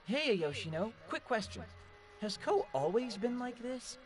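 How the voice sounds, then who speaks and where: A cheeky, casual teenage boy in an anime game. His delivery swings wildly between easygoing and exasperated, with music clearly behind it. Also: extremely high pitch, a little slow, heavily acted. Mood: coaxing, teasing. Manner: casual, animated.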